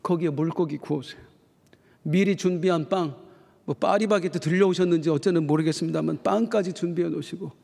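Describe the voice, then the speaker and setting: A middle-aged man preaching a sermon as pastor, telling stories in a folksy, animated way. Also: on the high side, brisk, gravelly. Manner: folksy, animated storytelling with acted quotes. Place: church sanctuary. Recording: long church hall reverb.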